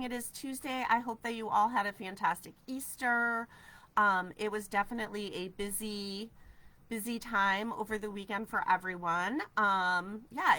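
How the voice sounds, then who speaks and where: With a fairly high pitch and sharp tone, this woman in her forties answers viewer comments in an upbeat, casual craft livestream despite a stuffy head cold. She's from New Hampshire, USA, sitting in a craft studio with ribbon-filled shelves, recorded by a camera at desk distance.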